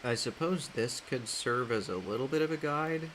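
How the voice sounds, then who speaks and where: Casual male streamer, mid-pitched, loose and rambling, laughs easily, slight hiss on the mic. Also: normal speed, poor audio. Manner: relaxed, rambling, laughs often, reads chat aloud. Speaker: artist streaming while drawing. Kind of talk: casual livestream chat.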